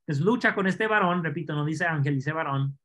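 A man teaching an online scripture class, explaining Hebrew words slowly and asking his students questions. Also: a little high, fairly bright tone.

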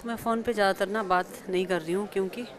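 A woman vlogging casually in a soft voice, a little short of breath, speaking into a small clip-on mic. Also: mid-range voice, steady tone, quick pace, a crowd in the background. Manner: speaks softly after surgery, short of breath. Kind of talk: casual vlog narration.

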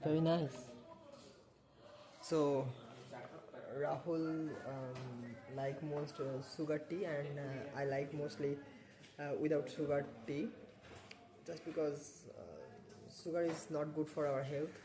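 Chatty male travel vlogger, slightly high. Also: steady tone, drawn-out words, pauses often, echoey room, crowd noise. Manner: chatty, addresses viewers as friends, mixes in English words. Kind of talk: casual travel vlog to camera.

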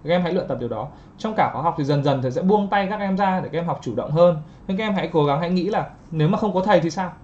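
A man's voice: a little high, darkish tone, dull audio, a little hiss or hum. Vietnamese man teaching English stress. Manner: patient, repeats words slowly to drill stress. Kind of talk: recorded online lesson.

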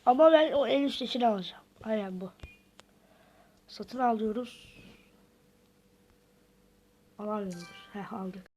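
A woman's voice: on the high side, unhurried, pauses often, darkish tone, slight background noise. A woman giving casual gameplay commentary, talking to viewers and muttering reactions as she plays. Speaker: gaming video host.

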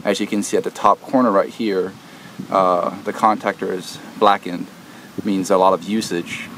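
A man's voice: deep voice, fairly even intonation, moderate pace, fairly bright tone, a little hiss or hum. A man hosting a do-it-yourself video, talking through a repair step by step outdoors with many hesitant fillers. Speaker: DIY video host. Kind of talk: casual how-to explanation. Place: outdoors at an air conditioner unit.

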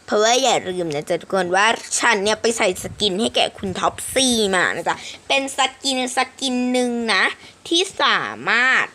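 Young woman streamer, bright and bouncy, playful game commentary, high and lively. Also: slight background noise. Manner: animated, squealing exclamations, playful. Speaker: gaming streamer.

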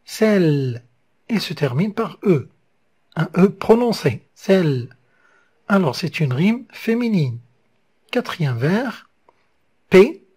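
A teacher, giving a slow, step-by-step French verse lesson and spelling out syllables one by one. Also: medium pitch, darkish tone, slightly rough.

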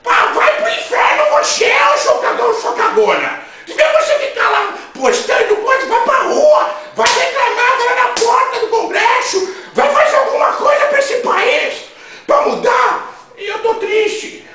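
A man playing a brash, indignant comic radio host, shouting crude, mocking rants. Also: very high voice, expressive, measured pace, a little hiss or hum, exaggerated voice. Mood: ranting. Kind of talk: comic rant. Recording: very echoey room, voice far from mic.

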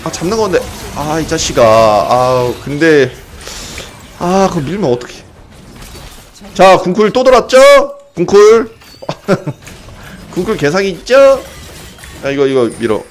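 A young man streaming a video game, giving excited casual commentary, often yelling and swearing during fights. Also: on the high side, unhurried, long pauses, faint music behind. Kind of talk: excited live gameplay commentary.

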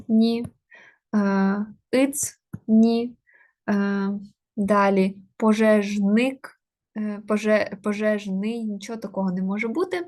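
A woman teaching a grammar lesson, going through test items one by one. She thinks aloud with frequent filler sounds and stops to correct herself, at an even middle pitch. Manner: explains step by step, many "e" fillers, corrects herself.

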